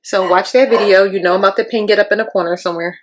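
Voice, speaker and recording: A woman's voice: medium pitch, fairly even intonation, very fast. Young woman vlogging in her kitchen, loose swearing, noisy home mic. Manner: loose and chatty, swears casually. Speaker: beauty vlogger. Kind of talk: casual at-home tutorial chat.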